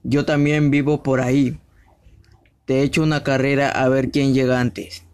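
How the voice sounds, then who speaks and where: A man voicing a cunning, smooth-talking wolf in a read-aloud fairy tale, speaking in a coaxing, sly way. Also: mid-range voice, flat delivery, measured pace, darkish tone, a little hiss or hum, lightly acted.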